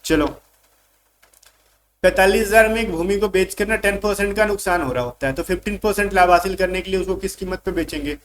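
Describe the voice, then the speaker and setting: A male math teacher giving an exam-prep lesson in a casual tone, calling students "bhai" and reading English questions slowly. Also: sits high, a bit bright, a little hiss or hum.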